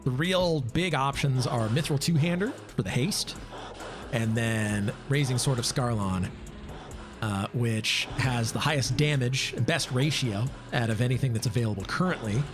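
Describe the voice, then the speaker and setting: Man game streamer, loose off-the-cuff chat with chat replies, mid pitch, music behind. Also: normal speed. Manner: casual, thinks aloud and answers chat, many fillers. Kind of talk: live gameplay commentary.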